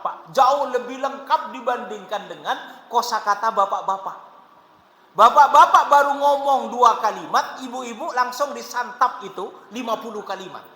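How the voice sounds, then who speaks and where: A man's voice: very high-pitched, bright, forceful tone. A man giving a humorous, playful sermon in a mosque, teasing the men in the audience. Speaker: preacher. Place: mosque hall. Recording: echoey hall with long reverb.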